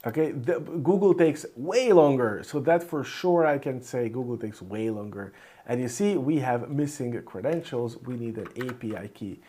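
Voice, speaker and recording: A warm, medium-pitched, expressive voice guides an informal programming screencast at moderate speed, as a Hungarian-native man thinks aloud while typing. The background carries the clear sound of keystrokes and mouse clicks.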